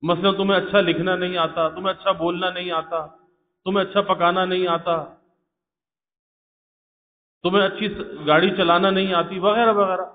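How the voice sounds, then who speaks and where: A man giving an evening religious lesson in a measured, explanatory way, often asking rhetorical questions. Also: high voice, fairly even intonation. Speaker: religious teacher. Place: mosque prayer hall. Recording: phone-like, echoey hall, faint hum.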